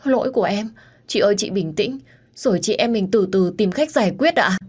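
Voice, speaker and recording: A woman's voice: lowish voice, moderate pace, a little mellow, breathy edge. A woman voicing a flustered, apologetic young female schoolteacher in an audio story. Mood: tearful pleading. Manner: anxious, pleading, polite.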